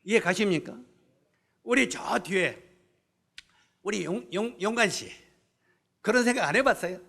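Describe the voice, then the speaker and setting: A man's voice: high voice, lively intonation, unhurried, creaky, sharp tone. A middle-aged man, preaching a sermon and often putting questions to the congregation, then answering them himself.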